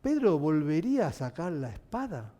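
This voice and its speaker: Animated preacher. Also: male voice, a little high, moderate pace, muffled recording. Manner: animated, asking the congregation questions. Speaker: pastor. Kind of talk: sermon.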